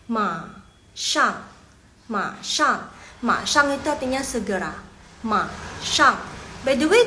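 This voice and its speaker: Young woman teaching mandarin, a bit high voice, repeats words slow and checks if you remember. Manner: explains patiently, repeats words slowly, asks the class questions. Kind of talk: casual language lesson.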